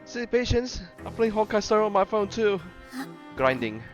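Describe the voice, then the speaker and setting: A game streamer gives casual live commentary over his gameplay, his high voice very animated at a moderate pace, often searching for words and repeating himself. Game music plays in the background, and his lo-fi microphone sounds slightly dull.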